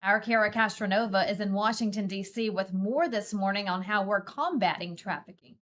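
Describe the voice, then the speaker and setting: A woman's voice: medium pitch, normal speed, a bit bright. A woman hosting a morning news show, asking direct and pressing questions. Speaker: news host.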